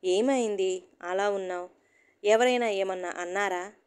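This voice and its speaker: A woman's voice: medium pitch, measured pace, darkish tone, clear, resonant tone, lightly acted. A woman voicing a middle-aged husband and father who speaks mildly and reasonably.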